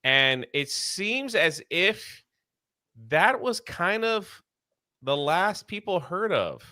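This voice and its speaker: Bright-voiced laughing podcast host. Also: male voice, high-pitched, very animated, slow pace, no echo, studio quality. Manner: rambling, laughs often, storytelling aside. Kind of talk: casual podcast chat.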